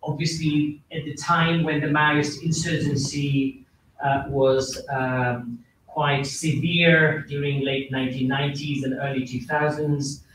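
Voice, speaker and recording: A man from Nepal presents his book to a university audience in an earnest, halting way, filling pauses with many ums and uhs. His voice sits a bit high. He is picked up from across a large, very echoey lecture room with a faint hiss behind him. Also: level tone, a bit bright. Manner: hesitant, many fillers, earnest. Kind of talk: academic book launch talk. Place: large lecture room with perforated wall panels. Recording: very echoey room, far from the mic, faint noise.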